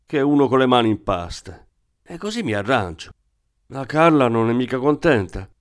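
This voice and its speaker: A man's voice: mid-range voice, pitched above the performer's own voice, close to an everyday voice. A man voicing a crude, hot-tempered male thief from the Rimini area who blusters and swears. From Rimini area, Italy. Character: crude excitable small-time male thief.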